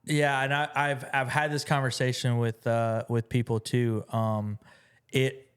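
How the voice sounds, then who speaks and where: A man chats as a guest on a relaxed podcast, his voice smooth and clear at an average pitch. He rambles through his answers with plenty of fillers and restarts. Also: a little slow. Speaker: musician guest. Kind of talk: casual interview chat.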